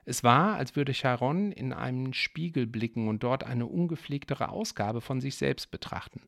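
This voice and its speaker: A man reads a story aloud at a calm, measured pace and breaks off now and then for casual asides to his listeners. His voice is gravelly, with a rough texture low in his speech. The recording is close and dry. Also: no room sound. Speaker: story reader.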